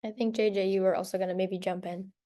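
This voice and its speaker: A woman with a medium-pitched, steady, warm voice talks fast as she moderates a school's virtual information session on a video call. She keeps things casual and encouraging while passing the floor to other speakers.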